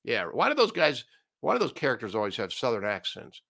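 A man's voice: medium pitch, wildly swooping pitch, brisk, vocal fry, a bit bright. A man hosting a solo commentary show, ranting with sarcastic, mocking asides.

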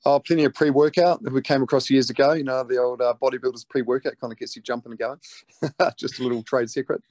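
A man's voice: mid-range voice, little pitch movement, fast talker, darkish tone, no room sound. A man with a broad New Zealand accent chatting casually in an interview, laid-back and matey. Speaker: interviewed rock band lead singer.

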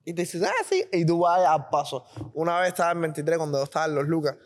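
High-voiced cuban guy hosting, chatty, jumps into his own stories. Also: steady tone. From Cuba. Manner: quick, chatty questioning with acted-out anecdotes. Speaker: podcast host. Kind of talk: casual interview chat.

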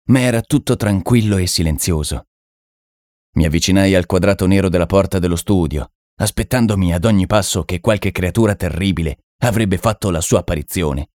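Low-voiced male audiobook narrator. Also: darkish tone, dry recording, studio quality. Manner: dramatic, measured storytelling.

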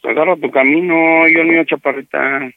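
A man's voice: on the high side, steady tone, moderate pace, dry recording. A man with a Mexican accent making a prank phone call on a radio show, talking in a weary, blunt way as he presses a breakup. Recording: muffled radio broadcast audio.

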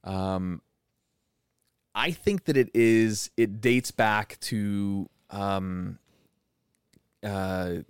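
A man's voice: lowish voice, drawn-out words, pauses often, clear, resonant tone, no echo, clean studio sound. A man in his thirties chatting as a contestant in a casual game, joking around and swearing freely. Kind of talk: casual podcast chat.

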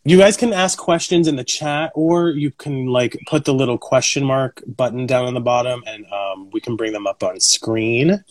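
A man co-hosts a loose, jokey Instagram live, talking over a video call. His voice sits at an average pitch and sounds dry and close, with no room echo. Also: moderate pace, few pauses. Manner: animated, jokey, lots of fillers. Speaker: podcast co-host. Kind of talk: casual chat on an Instagram live.

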